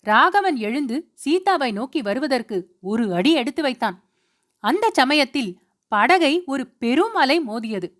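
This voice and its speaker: Audiobook narrator, woman, high voice, steady measured storytelling.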